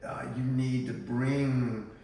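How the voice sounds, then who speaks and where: A man's voice: mid-range voice, steady tone, slow, dark tone. A man co-hosting a podcast, chatting casually in a wry, joking way about everyday gripes. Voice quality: gravelly. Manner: wry, joking complainer with chuckles. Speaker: podcast co-host. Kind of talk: casual chat. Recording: echoey room, far from the mic.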